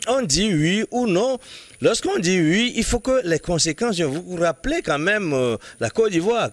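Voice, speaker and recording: Guy arguing politics on a panel, keeps restarting words, highish voice swinging up and down, dry sound. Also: fairly bright tone, no room sound. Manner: halting, restarts words while building an argument; emphatic, insistent reasoning. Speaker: political commentator. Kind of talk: studio political debate.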